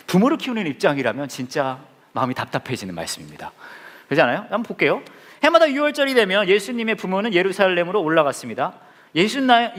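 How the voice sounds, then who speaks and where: Lively, fast-talking male preacher. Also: sits high. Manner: animated and joking, acting out scenes with the congregation. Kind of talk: playful sermon.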